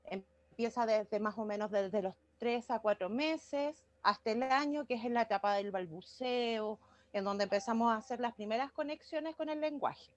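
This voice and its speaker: A woman's voice: fairly high pitch, moderate pace, hardly any pauses, dry recording. A woman, a student summarizing her section of a class presentation over a video call, hesitant and full of fillers. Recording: muffled video call audio.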